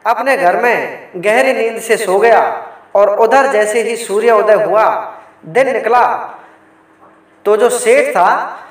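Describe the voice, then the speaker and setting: A man's voice: high voice, takes it slowly, pauses often. A man narrating a folk tale as a storyteller, often calling out to his listeners and stopping to explain customs along the way. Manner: keeps addressing listeners while narrating. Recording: very echoey, from far off the mic.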